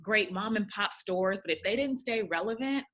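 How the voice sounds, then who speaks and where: A woman's voice: medium pitch, expressive, moderate pace, fairly bright tone. A young adult woman from Houston, a career coach speaking as a podcast guest, upbeat and emphatic, laughing easily. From Houston, Texas. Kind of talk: interview conversation.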